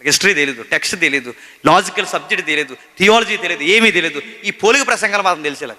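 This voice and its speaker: A man preaching a sermon, swinging between loud emphatic questions and hushed storytelling. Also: a little high, lively intonation, fast. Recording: long hall reverb.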